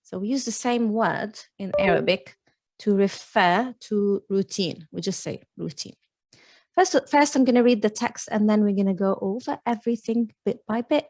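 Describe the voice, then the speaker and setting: Woman, language teacher, patient step-by-step explaining, middle pitch, dry close sound. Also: moderate pace, darkish tone, dry recording. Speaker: Lebanese Arabic teacher. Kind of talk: online language lesson.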